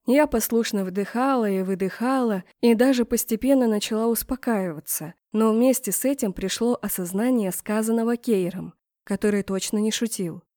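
A woman reading a first-person audiobook with even storytelling that lifts for tension, close on the mic. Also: a little high, moderate pace, dry recording. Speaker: audiobook narrator.

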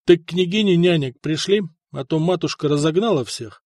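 A man reading the part of a calm, guarded medieval prince who speaks levelly and firmly. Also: a little high, brisk, no room sound, clean studio sound. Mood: commanding. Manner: level and firm, turning sharp.

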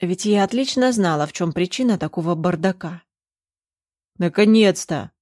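A woman's voice: lowish voice, expressive, fairly quick, darkish tone, no echo, studio quality. A woman narrating a first-person story in a tense, dramatic reading. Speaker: audiobook narrator.

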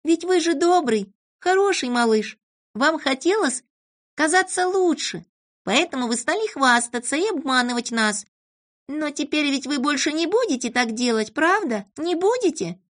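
Sinyeglazka, a gentle coaxing little girl, put on by the reader. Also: high voice, animated, moderate pace, voice pushed up. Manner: soft, coaxing, persuasive.

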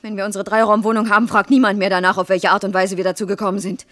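A woman's voice: mid-range voice, level tone, very fast, lightly acted. Give me a woman voicing a sarcastic, demanding young teacher wife from an old radio drama. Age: 20s. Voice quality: sharp, reproachful, sarcastic. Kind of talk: 1970s radio play acting.

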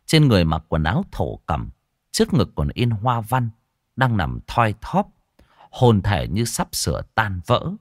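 Low-voiced man narrating a ghost story. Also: big pitch swings, a little slow, dry recording, studio quality. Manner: dramatic storytelling.

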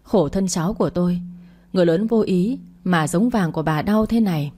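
A woman's voice: fairly low pitch, brisk, warm tone, lightly acted. A woman voicing an older mother-in-law who fusses and insists, in a storybook reading. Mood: wailing. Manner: fussing, insistent.

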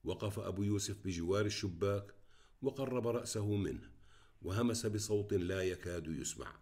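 A man reading an audiobook in measured, even scripted narration. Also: on the low side.

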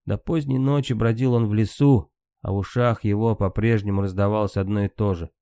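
A man narrating an audiobook of old legends in a measured, even storytelling manner. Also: fairly low pitch, dry recording. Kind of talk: scripted narration.

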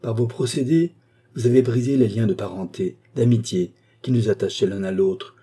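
A man reading as a frail old marquis, weary and curt. The dark, husky voice sounds tired and stern. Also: mid-range voice, normal speed, lightly acted.

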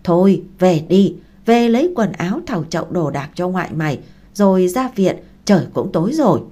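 A woman voicing a gruff, foul-mouthed older woman who runs a restaurant, speaking in a loud scolding way. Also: on the low side, sing-song, normal speed. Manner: loud scolding, rough and blunt.

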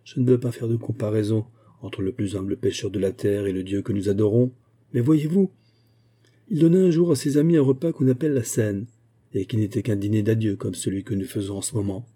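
Weary fallen minister, grave and measured, dark husky voice, a man reading it out. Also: fairly low pitch.

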